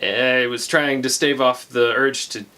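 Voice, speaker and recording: A man's voice: mid-range voice, steady tone, measured pace, music in the background. A man narrating a video game review with joking asides and playful commentary.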